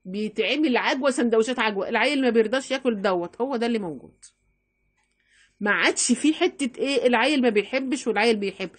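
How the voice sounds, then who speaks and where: A middle-aged woman with an Egyptian accent giving chatty, animated household money-saving advice, repeating herself for emphasis. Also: on the high side, quick pace. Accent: Egyptian Arabic. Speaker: home-economy vlogger. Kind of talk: casual advice talk to camera.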